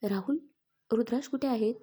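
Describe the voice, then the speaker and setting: A woman's voice: a little high, normal speed, warm tone, husky. Woman voicing an anxious young wife.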